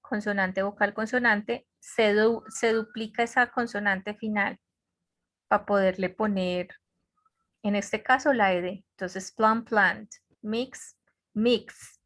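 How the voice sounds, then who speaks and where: A woman English teacher giving an online class, explaining slowly and patiently and often checking that students follow. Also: mid-range voice, fairly even intonation, a bit bright, no room sound. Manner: patient, repetitive explaining with frequent check-ins. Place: home office on a web conference.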